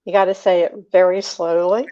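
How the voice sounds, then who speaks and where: An older woman hosting a food show, interviewing a guest and reading plugs and announcements in a slow, deliberate way. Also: fairly low pitch, fairly even intonation, warm tone, lo-fi sound. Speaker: radio host.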